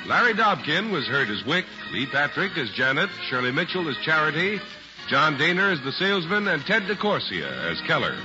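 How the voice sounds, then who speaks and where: A man's voice: fairly high pitch, very animated, normal speed. An American man reading scripted announcements in vintage mid-century radio style. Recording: muffled vintage radio recording with music.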